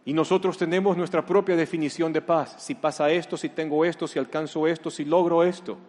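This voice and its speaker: A man preaching a sermon as pastor, dropping to a hush and then rising to loud outbursts. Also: a little high, steady tone, fairly quick. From Ecuador. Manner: dramatic, swings from hushed to loud. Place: church hall. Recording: long hall reverb.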